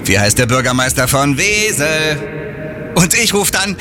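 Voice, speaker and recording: A man's voice: a little high, lively intonation, a little slow, sharp tone, soft background music. A man playing a man who makes echoes for tourists in the mountains, his words repeating and fading like a canyon echo. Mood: playful. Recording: long echoing reverb from far off.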